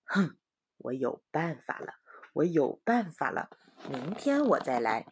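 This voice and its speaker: A woman's voice: deep voice, sing-song, a little slow, slight background noise, pitched below the performer's own voice, full character voice. Woman putting on a sly big grey wolf. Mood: scheming. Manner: pinched fake-sweet singing, then whining in pain.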